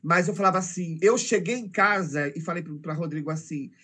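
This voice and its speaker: A man's voice: fairly high pitch, brisk, sharp tone. A middle-aged Brazilian man telling emotional stories about teaching children in a casual conversation, acting out their voices. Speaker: teacher, interview guest.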